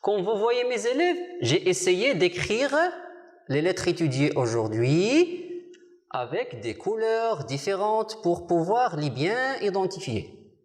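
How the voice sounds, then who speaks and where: A primary school teacher leads a televised lesson at a slow, careful pace. The voice rises and falls a lot as it asks the pupils questions. It then answers them itself and repeats key words for clarity. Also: medium pitch, big pitch swings, darkish tone. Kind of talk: televised distance-learning lesson.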